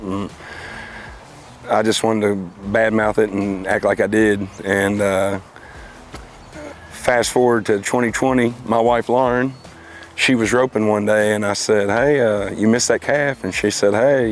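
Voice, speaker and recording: A man's voice: mid-range voice, a little hiss or hum. A middle-aged man, chatting casually and reminiscing in a folksy, plain-spoken way. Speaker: competitive car auctioneer being interviewed.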